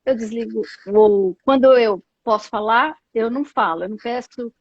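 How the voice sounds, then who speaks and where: At a moderate pace and fairly high pitch, a Brazilian Portuguese-accented woman, a psychologist guest, speaks thoughtfully over a live video call. Fillers and tag questions are frequent, and the lo-fi call audio sounds dull, with no room sound.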